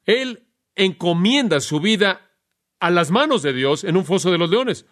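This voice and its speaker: A man preaching an expository Bible sermon in a lively way, putting rhetorical questions to his listeners. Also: high-pitched, unhurried. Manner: animated, asks rhetorical questions.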